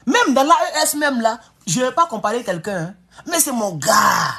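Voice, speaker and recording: A man giving excitable, emphatic political commentary on a live stream. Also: very high-pitched, moderate pace, vocal fry, breathy edge.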